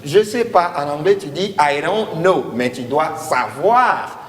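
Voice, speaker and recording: A man from Congo leading a lesson with children, coaxing them and repeating prompts loudly. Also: fairly high pitch, animated, unhurried, a crowd in the background. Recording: echoey hall from far off.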